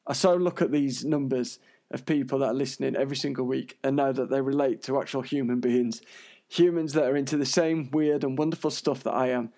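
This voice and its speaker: A man's voice: medium pitch, fairly even intonation, brisk, warm tone. An unwell British man hosting a podcast in a chatty, earnest monologue, his breathing audibly wheezy. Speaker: podcast host.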